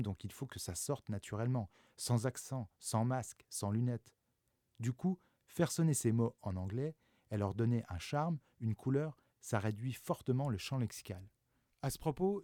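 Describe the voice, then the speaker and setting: Male radio host, dark and mellow, dry close-mic studio sound, measured scripted delivery. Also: mid-range voice, no echo. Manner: reads a book excerpt aloud in a measured voice. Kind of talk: scripted radio culture segment.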